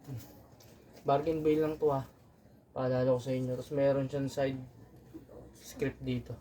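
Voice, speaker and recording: Filipino lady low mellow voice sorting thrift shirts, chatty, bit of noise behind. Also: little pitch movement, unhurried. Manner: chatty, playful, addresses viewers as guys. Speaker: thrift clothing seller. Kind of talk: casual unboxing chat.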